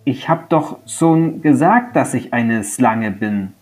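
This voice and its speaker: A man's voice: medium pitch, expressive, slow pace, faint music behind. Man putting on a lisping vain snake lady. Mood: irritated. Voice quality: lisping, soft hissing speech. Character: vain female snake who can't say Sch.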